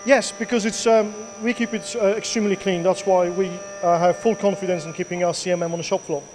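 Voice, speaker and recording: In an indoor machine workshop, a man in his thirties who owns the shop answers interview questions into a handheld mic. His voice is high and steady, and he talks quickly, plainly, and with lots of fillers.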